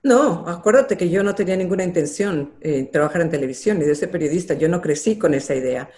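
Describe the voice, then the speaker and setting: Her voice is lowish and darkish, her delivery brisk. An older woman and television journalist, she is interviewed about her career and tells it in an earnest, reflective manner, with some fillers.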